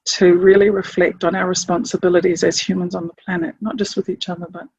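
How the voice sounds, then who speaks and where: A middle-aged woman from Samoa, a chief executive, speaking reflectively to camera and often pausing to search for words. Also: lowish voice, flat delivery, muffled recording, crowd noise. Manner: thoughtful, searching, with restarts. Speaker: chief executive of a leadership organisation.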